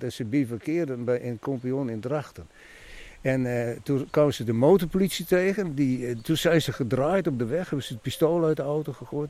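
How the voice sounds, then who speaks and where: A man, telling a story in an interview in an animated way and acting out what people said. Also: mid-range voice. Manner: animated storyteller, many restarts, acts out quotes.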